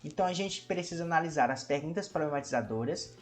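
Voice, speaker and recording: A man's voice: a little high, expressive, quick pace. Brazilian man teaching with rhetorical questions. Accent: Brazilian Portuguese. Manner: asks many rhetorical questions and addresses viewers as "meu povo". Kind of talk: lesson explanation to camera.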